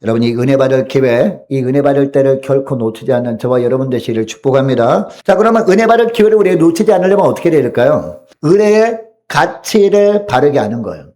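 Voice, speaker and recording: Korean pastor with mellow warm voice. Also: male voice, medium pitch, lively intonation, fast talker, few pauses. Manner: rhetorical questions to the congregation, acts out quoted voices. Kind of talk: sermon. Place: church sanctuary.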